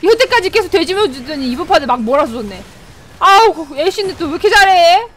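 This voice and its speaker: A female game streamer commentating her own match live, exasperated, yelling at the game and grumbling to herself. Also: very high-pitched, sing-song, a little fast, slight background noise.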